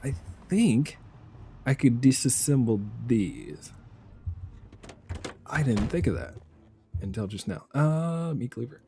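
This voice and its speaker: A man giving relaxed, chatty live commentary while streaming a survival game, laughing often. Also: medium pitch, slow, long pauses.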